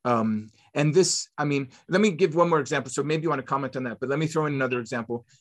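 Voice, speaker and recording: A man's voice: mid-range voice, fast. A man hosting an interview, asking long questions in a hesitant way while he searches for his words. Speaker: host.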